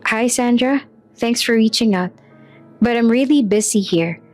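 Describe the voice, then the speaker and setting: A woman's voice: a little high, a little slow, faint music behind, natural voice. Woman doing an earnest young boss. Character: young man, reformed charming boss.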